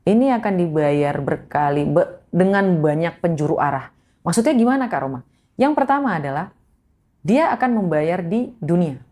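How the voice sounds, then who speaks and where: A woman's voice: lowish voice, moderate pace. A woman talking in a casual podcast chat, telling stories emphatically and pressing her points. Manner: emphatic, animated storyteller, calls the listener "Mas". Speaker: podcast guest.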